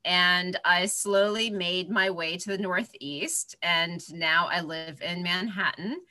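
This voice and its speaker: A woman in her forties from Florida, chatting as a podcast guest, lively with frequent laughs and fillers. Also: on the low side, takes it slowly. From Florida, USA. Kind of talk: casual interview chat.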